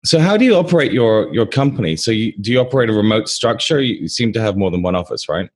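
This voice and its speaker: Man, 30s, interviewer, low voice, webcam mic, checking questions. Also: very animated, fast. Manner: questions ending with a checking "right?". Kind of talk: video call interview. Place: small room at home, indoors.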